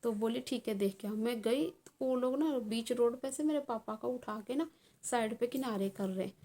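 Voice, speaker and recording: Young woman vlogger, slightly high voice, rambling casual storyteller with lots of fillers. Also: normal speed, mellow. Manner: rambling with many fillers and restarts.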